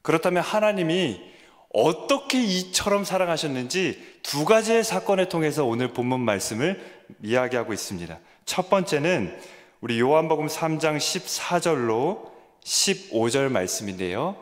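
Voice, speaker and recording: A man's voice: a little high, sing-song, moderate pace. A man preaching a sermon as a junior pastor, questioning his listeners and building to emphatic peaks. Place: church sanctuary. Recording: long church reverb.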